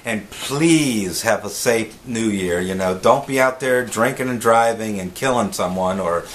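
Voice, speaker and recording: A man in his thirties hosting a woodworking show, casually showing a project step by step with a relaxed, joking manner, recorded on a fixed camera in an indoor workshop. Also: lowish voice, a little slow. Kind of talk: casual how-to demonstration.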